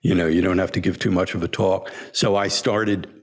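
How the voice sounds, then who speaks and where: An older man, a senior disciple, reminiscing in a storytelling talk, halting with many fillers and frequent chuckles. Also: sits low, steady tone. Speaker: senior disciple telling stories.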